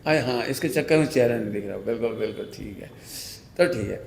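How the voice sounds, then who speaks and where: A man preaching a sermon to a live audience. He speaks emphatically, repeats key words slowly and asks his listeners questions. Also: mid-range voice, creaky, darkish tone, a little hiss or hum. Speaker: Jain preacher. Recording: echoey hall.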